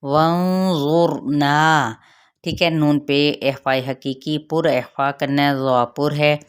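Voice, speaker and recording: Woman Quran teacher, Pakistani Urdu accent, clear smooth voice, careful word-by-word tajweed lesson. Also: sits low, steady tone. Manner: slow, drawn-out sounding of each word, then quick explanations.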